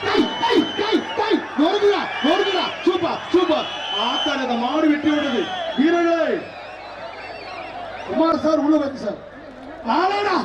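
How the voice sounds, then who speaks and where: Brief: male announcer on a loudspeaker, very high yelling voice, echoing from far off, dull sound, loud crowd behind. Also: expressive, a little slow, long pauses. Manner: shouting, repeating short calls. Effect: through a loudspeaker system. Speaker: event announcer. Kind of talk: live shouted commentary. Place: outdoor bull-taming arena. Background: loud cheering crowd and noise.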